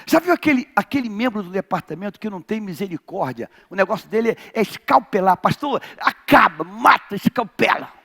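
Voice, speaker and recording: In a large church, a male Brazilian pastor with a Rio de Janeiro accent preaches a sermon, telling a story dramatically and swinging between shouts and near-whispers. His voice is high with lively intonation, and he speaks fast with hardly any pauses.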